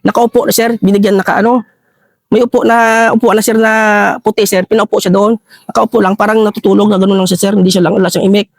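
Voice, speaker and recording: A man with a Filipino accent recounting a war story in an interview, halting and repeatedly addressing the listener as sir. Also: high voice, little pitch movement, no room sound. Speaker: retired army ranger scout.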